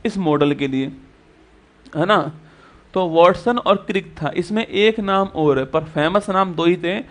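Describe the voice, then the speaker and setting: A male teacher giving an exam-prep lecture who keeps repeating points and quizzing students with rhetorical questions. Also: on the high side.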